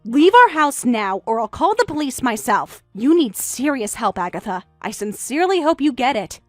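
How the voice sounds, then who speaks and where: A woman's voice: fairly high pitch, very animated, normal speed, no echo, soft background music. A woman narrating a text-message story in a synthetic text-to-speech voice, scolding and indignant.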